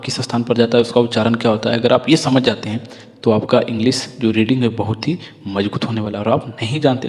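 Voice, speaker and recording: A man gives a reading lesson in a patient, repetitive way, asking the viewer questions and answering them himself. His voice sits at an ordinary middle pitch. It rings with a long reverb, as if in a hall. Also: a little mellow. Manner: patient, repeats each point and asks the viewer questions. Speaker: English reading teacher. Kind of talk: explaining lesson.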